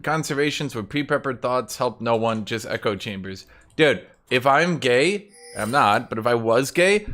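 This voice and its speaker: Bright-voiced sarcastic male streamer. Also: medium pitch. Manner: sarcastic, mocking, swears freely. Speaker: game streamer. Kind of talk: casual live-stream commentary.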